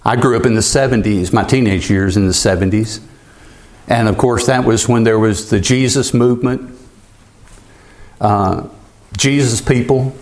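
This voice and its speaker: A man in his sixties preaching a sermon to his congregation, climbing high on key words and dropping low to drive points home. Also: normal speed, long pauses, darkish tone. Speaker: pastor.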